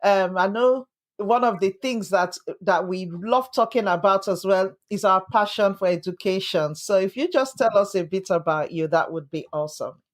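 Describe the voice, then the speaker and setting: A woman's voice: mid-range voice, normal speed. Encouraging woman podcast host. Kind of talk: podcast interview.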